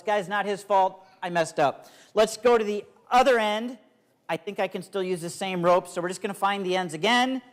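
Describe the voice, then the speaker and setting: A man works a live kids' comedy magic show as the magician. He speaks in simple, coaxing phrases to small volunteers, then turns to address the audience like a playful showman. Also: sits high. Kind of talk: live stage show patter for kids, talking to volunteers and audience.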